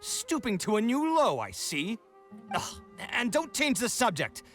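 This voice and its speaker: An actor playing a proud, hot-tempered young male architect in a video game, indignant and quick to bicker. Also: extremely high pitch, wildly swooping pitch, a bit bright, soft background music, exaggerated voice. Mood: irritated.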